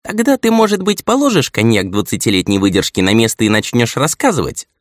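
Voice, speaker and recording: A man's voice: lowish voice, very animated, normal speed, no room sound, clean studio sound, pitched above the performer's own voice. A man voicing a stern scolding old steward. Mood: impatient. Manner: nagging, lecturing elder.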